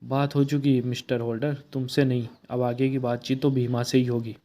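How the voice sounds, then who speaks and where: A man reading a comic book aloud, narrating and voicing every character in a plain, steady way. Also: medium pitch, moderate pace.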